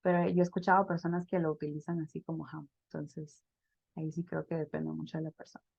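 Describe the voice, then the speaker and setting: A woman's voice: sits low, little pitch movement, quick pace, vocal fry, darkish tone, slightly rough, lo-fi sound. A woman teaching a pronunciation class over a video call, explaining step by step and checking in with her students. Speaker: English teacher.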